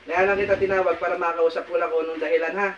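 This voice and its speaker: A man leads a folk healing ritual. He barks stern orders and repeated demands, then drops to low, confiding asides. Faint noise hangs under the recording. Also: flat delivery, rapid-fire, highs cut off. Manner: stern and commanding, scolding with repeated "ha?"; loud, forceful voice that drops to quiet asides. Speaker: folk healer. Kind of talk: spontaneous healing ritual, addressing a patient and viewers.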